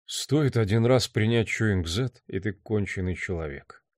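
A man voicing a weary, despairing man who broods quietly to himself, in an audiobook reading. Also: lowish voice, measured pace, no echo, clean studio sound, lightly acted. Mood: brooding.

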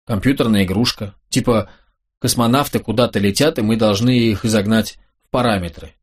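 A man's voice: fairly low pitch, fairly even intonation, moderate pace, husky. A man doing a blunt, crude young guy. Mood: grudging.

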